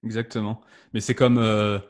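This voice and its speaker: A man's voice: on the low side, level tone, normal speed. A man in his thirties, a podcast guest talking casually with many fillers and restarts. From France. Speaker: podcast guest, marketing strategist. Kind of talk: casual interview chat.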